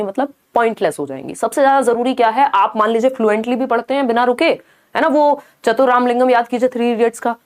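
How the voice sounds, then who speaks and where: A woman's voice: a little high, a little mellow. A woman teaching a live online exam-prep class, chatty, often checking back with her viewers. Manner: chatty, mixes English into Hindi, asks the class to confirm.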